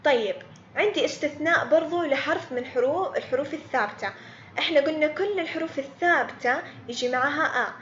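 A woman's voice: high voice, quick pace, fairly bright tone, roomy sound, muffled recording, a little hiss or hum. A woman teaching a beginner English grammar lesson online, patiently repeating words and quizzing students by name.

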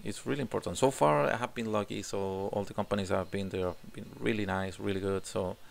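A man in his forties from Chile, an English teacher and job applicant, answers interview questions at home into a desk condenser mic visible in the shot, guitars mounted on the wall. His fairly low voice is creaky and steady in tone, and he speaks briskly in English with a Chilean Spanish accent. Words often come out repeated while he searches for the next one.

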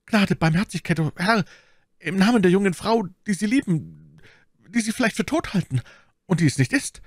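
Man playing a wounded soldier, cowardly, pleading, panicky, raised high pitch, audiobook. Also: lively intonation, brisk, no echo, clean studio sound. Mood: frightened pleading.

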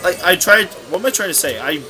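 A man's voice: sits high, animated, quick pace, bright, forceful tone. Rambling young man narrating his gameplay. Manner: rambling, scatterbrained, self-correcting. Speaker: let's play commentator. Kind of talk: casual gameplay commentary. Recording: game music playing behind.

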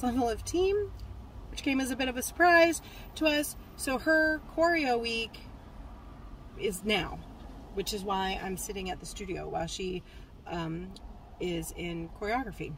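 Here a forty-something cross-stitch vlogger rambles to an arm's-length phone camera from her parked car, restarting sentences and leaning on fillers. Her mid-range voice moves at an unhurried pace. The recording is low quality with slight background noise.

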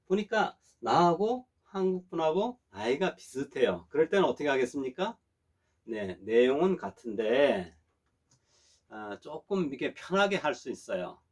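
A middle-aged man teaching a language class, explaining polite phrases, checking often that students follow and saying example sentences slowly for them to repeat. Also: medium pitch. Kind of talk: classroom lesson.

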